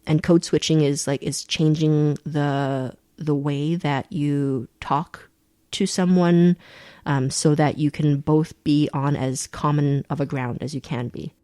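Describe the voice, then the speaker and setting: A woman's voice: deep voice, fairly even intonation, takes it slowly, mellow, dry recording, studio quality. A young adult woman, born in China and raised in Canada, talking reflectively as a podcast guest, laughing often and restarting her sentences. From born in China, grew up in Canada. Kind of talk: reflective conversational interview.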